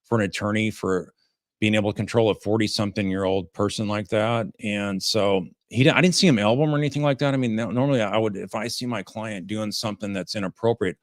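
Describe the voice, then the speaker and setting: A man hosting a livestream of legal commentary, talking informally and haltingly as he takes audience questions. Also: fairly low pitch, steady tone, no room sound, studio quality. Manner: halting, informal, rambling delivery. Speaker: host, defense lawyer commenting on a trial.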